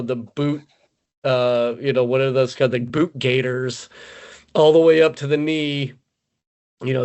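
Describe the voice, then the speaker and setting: A man hosts a casual film review podcast. His talk is loose and filler-heavy, and he laughs easily as he moves the chat along. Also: mid-range voice. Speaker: podcast host.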